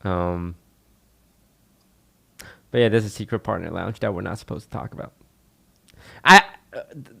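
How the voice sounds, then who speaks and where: A young man on a podcast telling a story in a relaxed, rambling way, full of fillers. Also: medium pitch. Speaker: podcast co-host. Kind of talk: casual storytelling.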